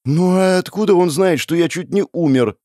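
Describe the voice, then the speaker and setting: A man's voice: on the high side, very animated, fast talker, darkish tone, dry recording, clean studio sound, pitched above the performer's own voice. A man voicing a frightened young boy who stammers shakily in an audiobook. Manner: stammering, shaky.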